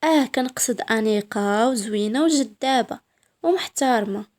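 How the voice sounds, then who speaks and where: A woman's voice: fairly high pitch, normal speed, close to an everyday voice. Woman doing a smug thirty-year-old male teacher. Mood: flattering. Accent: Moroccan. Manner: flattering, polite.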